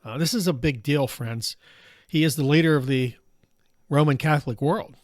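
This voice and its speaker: A middle-aged American man hosts a political news commentary show, speaking steadily and measuredly with lots of "uh" fillers. His slightly high voice is raspy from allergies, captured with studio quality and no echo.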